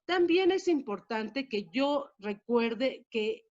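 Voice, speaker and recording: A woman teacher walks through a grammar lesson in a measured, explanatory way, leaning on key words. Her voice sits fairly high. The recording sounds dull and lo-fi. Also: expressive, a little mellow.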